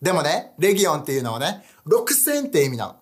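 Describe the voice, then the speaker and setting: A young man preaching a casual online sermon, animated and chatty, often asking his audience questions. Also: on the high side, fast talker. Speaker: youth pastor.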